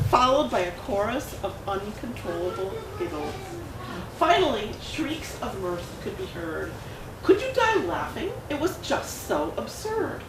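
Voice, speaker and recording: The high, animated voice of a woman children's book author fills an art gallery event room during a dramatic picture-book reading, her rhyming lines bouncing with expressive emphasis. The audio is distant and echoey, with noise in the background.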